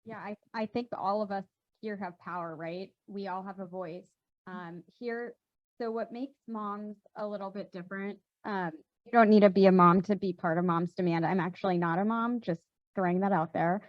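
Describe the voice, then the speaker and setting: A woman's voice: mid-range voice, fairly even intonation, moderate pace, dry recording. Conversational woman on a panel, dull sound. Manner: conversational, many fillers and restarts. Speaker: panelist, gun safety volunteer. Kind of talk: panel discussion answer. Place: event hall.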